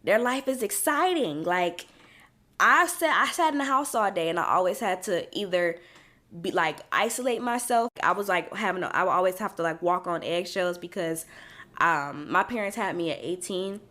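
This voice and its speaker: A woman's voice: lowish voice, expressive, moderate pace, bright, forceful tone. Chatty reflective young woman podcaster. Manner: chatty and reflective, many fillers and restarts. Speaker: podcast host. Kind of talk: casual solo podcast monologue.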